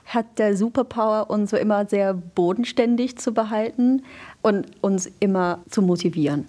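A woman's voice: mid-range voice, normal speed, warm tone. A woman, a first violinist in an interview, answering hesitantly and searching for words.

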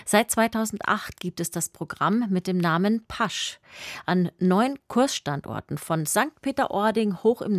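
A woman presenting a news magazine in a calm, measured read. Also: on the low side, dry recording, clean studio sound.

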